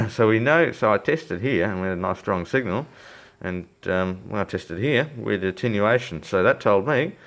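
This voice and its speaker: Speaking at a normal speed with few pauses, this man has a fairly low, slightly bright, animated voice. He's a hobbyist doing a casual, off-the-cuff electronics repair walkthrough, hesitant and rambling as he reasons aloud, filmed by a phone at the workbench.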